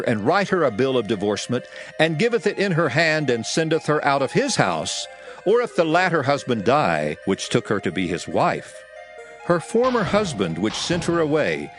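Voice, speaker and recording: Here a man's mid-range voice, close to how he'd sound in everyday speech, takes on the role of Moses, the solemn lawgiver, reciting commandments to his people in archaic phrasing. It's a dramatized audio Bible reading set over background music.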